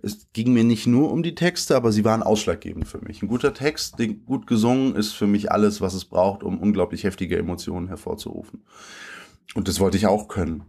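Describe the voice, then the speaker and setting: A man who is a poet, talking thoughtfully about his writing in an interview, with some halting restarts. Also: fairly low pitch, darkish tone, breathy edge. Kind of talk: conversational interview, then poetry reading.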